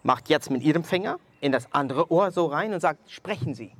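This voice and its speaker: Brief: male preacher, somewhat high voice, animated testimony, dry close sound. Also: fairly quick, dry recording. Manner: animated storytelling, addresses listeners directly. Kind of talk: sermon testimony.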